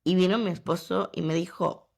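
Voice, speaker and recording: Woman in her thirties, fitness coach, motivational monologue, slight fry, repeats key words hard. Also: fairly low pitch, fairly even intonation, normal speed. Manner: emphatic, repeats words for effect.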